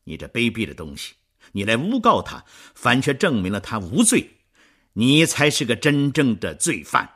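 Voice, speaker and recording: Young man, voiced by a male reader, fervent and loud, lively swings in pitch, husky, storybook. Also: moderate pace, full character voice. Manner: raised, loud, fervent delivery. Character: impassioned young man, earnest and emotional. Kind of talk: storybook reading.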